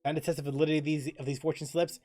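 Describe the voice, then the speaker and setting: Over background music, a gaming streamer with a medium-pitched voice talks very fast. The tone is casual and animated, full of jokes and light profanity as chat messages get read out and the gameplay gets commentary.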